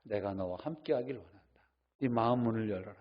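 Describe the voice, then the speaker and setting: A preacher voicing a calm, gentle Jesus. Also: male voice, lowish voice, fast talker, pitched below the performer's own voice, lightly acted. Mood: tender. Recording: dull lo-fi sound.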